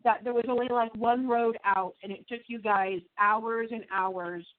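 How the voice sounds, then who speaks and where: A middle-aged woman interviews casually in a fairly high voice, halting and trailing off between questions. Her sound is dry and narrow, as on a telephone. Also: fairly even intonation, no echo. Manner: halting, trails off while note-taking. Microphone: phone call. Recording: tinny dry phone-line sound.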